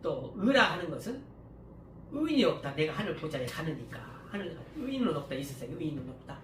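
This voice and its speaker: A male pastor giving a sermon in a conversational style, often asking the congregation to agree and sometimes breaking into louder passages. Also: fairly high pitch, sing-song, a little fast. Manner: conversational preaching, often asks listeners to agree; many fillers and restarts, sudden rises in volume. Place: church hall. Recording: echoey room, mic at a distance, faint background hum.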